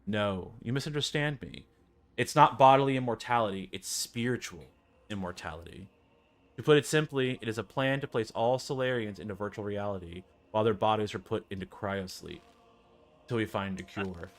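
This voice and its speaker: A man voicing a confident young male scientist from a video game, speaking in a measured, formal, persuasive way. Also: fairly low pitch, close to an everyday voice. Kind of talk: video game character dialogue read aloud.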